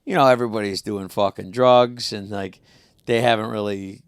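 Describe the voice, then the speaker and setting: Gravelly laid-back young man. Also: fairly low pitch, steady tone, normal speed, no echo, clean studio sound. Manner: laid-back, trailing off with lots of "like". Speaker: guest comedian. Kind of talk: casual podcast banter.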